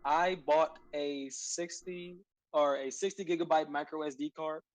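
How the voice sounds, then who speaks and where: A man's voice: a little high, fairly even intonation, unhurried, dry recording. A man co-hosting a podcast in casual chat, joking and laughing as he talks over voice chat. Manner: joking, laughs while talking. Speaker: podcast co-host.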